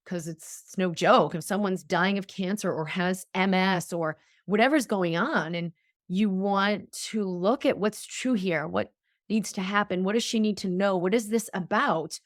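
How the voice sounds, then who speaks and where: A woman's voice: fairly low pitch, dry recording, clean studio sound. A middle-aged woman physician telling stories as an interview guest in an earnest, flowing way. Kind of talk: conversational interview.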